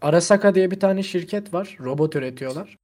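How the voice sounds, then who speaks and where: Playful high-voiced young man joking around. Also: fairly quick, darkish tone. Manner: playful, joking, goofy hypotheticals. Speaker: podcast co-host. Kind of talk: casual podcast chat.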